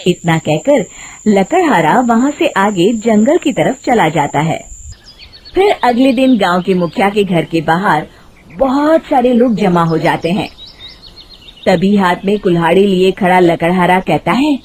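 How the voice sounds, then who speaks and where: Slow, expressive woman storyteller. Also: medium pitch, slight background noise. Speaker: narrator. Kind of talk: scripted cartoon story narration.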